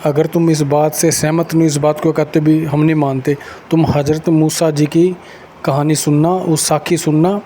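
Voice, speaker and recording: A man preaches with insistence, building his points through repeated, chanted lists. His voice sits a little high but sounds dark and mellow. Faint noise runs behind him. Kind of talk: sermon.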